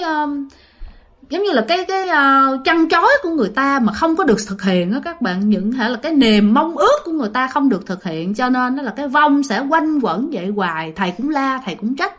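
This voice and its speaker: In a high, sing-song, somewhat bright voice, a ghost story channel narrator briskly shares listener ghost stories. Her casual storytelling is chatty and filler-heavy, and she talks directly to the people listening.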